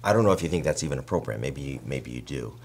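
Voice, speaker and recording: A man interviewing someone with long, frank statements, speaking deliberately and challenging politely. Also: very deep voice, lively intonation, a little mellow. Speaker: interviewer representing department members. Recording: clear background noise and hum.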